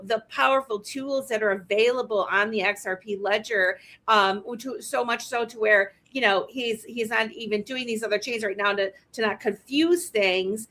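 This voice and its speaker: A woman's voice: medium pitch, fairly bright tone. A woman in her fifties hosting a casual panel chat, chatty and teasing, with easy laughter. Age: 50s. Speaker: host.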